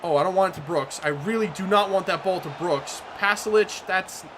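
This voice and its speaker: A woman commenting on her own video game match, excitable and swearing freely, shouting at big plays. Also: fairly low pitch, a little fast, slight background noise. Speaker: gaming commentator.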